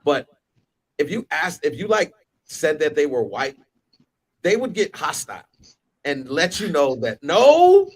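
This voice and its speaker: A man's voice: on the high side, measured pace, pauses often, breathy edge, poor audio. Rambling man co-hosting. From United States. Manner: rambling, animated, full of restarts. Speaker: podcast co-host. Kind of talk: casual panel discussion.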